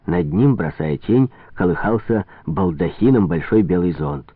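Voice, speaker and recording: A man reading a novel aloud as an audiobook narrator, expressive and measured. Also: low voice, breathy edge, no room sound. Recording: tinny phone-like sound, dry.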